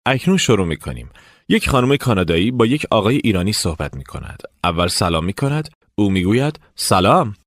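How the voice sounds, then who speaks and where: A man narrating a language lesson, giving clear step-by-step instructions. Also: lowish voice, sing-song, no echo. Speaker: language teacher.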